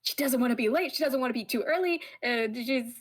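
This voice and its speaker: A woman playing a tabletop game, soft-spoken and agreeable, often murmuring assent. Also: high-pitched, a little fast. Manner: soft, agreeable, many mm-hmms. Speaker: player. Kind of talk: casual tabletop chat.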